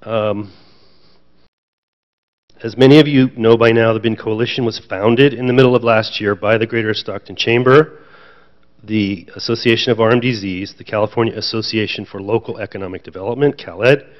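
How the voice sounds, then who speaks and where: A man's voice: fairly low pitch, fairly even intonation, normal speed. A man speaking as a panel speaker at a conference, chatty, with light self-deprecating jokes. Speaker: panel speaker, association president. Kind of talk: conference remarks. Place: conference room with audience. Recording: dull lo-fi event audio.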